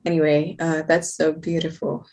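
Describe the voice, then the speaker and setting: A woman's voice: low voice, level tone, normal speed, darkish tone. A woman hosting a casual interview, responding with short, encouraging reactions. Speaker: host.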